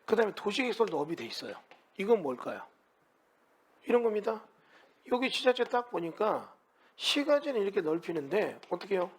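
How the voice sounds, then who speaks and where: A man's voice: high-pitched, very animated, fairly quick, long pauses, husky. A man teaching a real estate law class, asking his students many rhetorical questions. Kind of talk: lecture to students.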